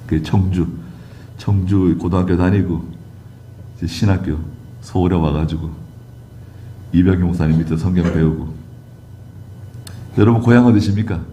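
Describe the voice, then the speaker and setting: A male Korean pastor from South Korea preaches in a church sanctuary, shifting from chatty personal asides to emphatic exhortation of the congregation. He has a deep, mellow voice at a measured pace with long pauses, against slight background noise.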